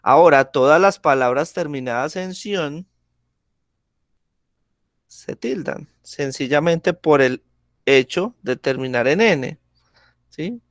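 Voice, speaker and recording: A male teacher talks very slowly and patiently, with a slightly raised pitch. He keeps checking in with the class. The sound is dry and close, like a video call. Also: expressive, no echo. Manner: slow, patient, checks in with frequent "¿sí?". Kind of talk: classroom grammar lesson.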